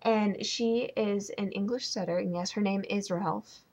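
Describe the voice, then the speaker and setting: A woman's voice: mid-range voice, steady tone, a little slow, a little mellow. Young woman ranting in a casual home vlog. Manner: ranting, sarcastic, rambling with many ums. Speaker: vlogger.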